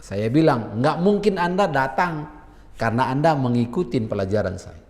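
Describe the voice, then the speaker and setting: A man's voice: medium pitch, animated, normal speed, long reverb tail. A man preaching a sermon as pastor, mixing earnest exhortation with casual, conversational asides.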